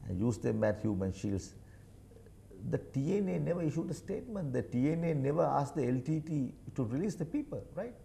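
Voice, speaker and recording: A Sri man speaking as a studio news guest, his pitch swinging widely as he drives home each point. His tone is dark and mellow, and he keeps pushing the listener to agree. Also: sing-song, a little fast, gravelly, slight background noise. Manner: emphatic, insistent, keeps asking "right?". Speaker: political commentator guest.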